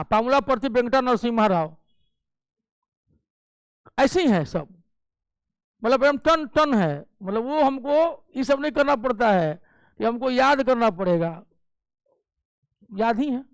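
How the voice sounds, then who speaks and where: A man's voice: very high voice, clean tone, dry recording. A male teacher giving an exam coaching lecture, explaining step by step and checking in often with his class. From Bihar. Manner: explains step by step with frequent "ठीक है" check-ins.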